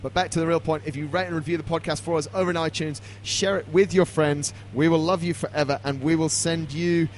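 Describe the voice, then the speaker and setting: A man's voice: on the high side, fairly even intonation, a little fast, few pauses, a little hiss or hum. A man hosting a podcast in casual chat, with jokey, matey banter. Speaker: podcast host.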